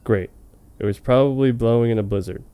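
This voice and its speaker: On a comedy web show, a man reads fan fiction aloud with mock drama, his mid-range voice smooth, clear, and brisk with a soft-edged, relaxed tone. Between hammy narrated lines, he drops into casual, amused commentary and joking asides.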